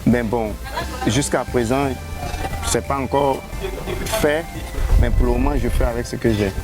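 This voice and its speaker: A man's voice: medium pitch, measured pace. A man from Côte d'Ivoire, interviewed outdoors as a guest, speaking hesitantly with many restarts. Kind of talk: street interview. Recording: music bed underneath.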